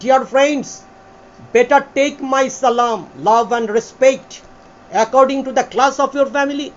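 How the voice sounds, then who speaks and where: High-voiced Bangladeshi man teaching English. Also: steady tone, highs cut off. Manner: switches between Bengali and English, drawls English examples slowly. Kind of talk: lecturing class on spoken English.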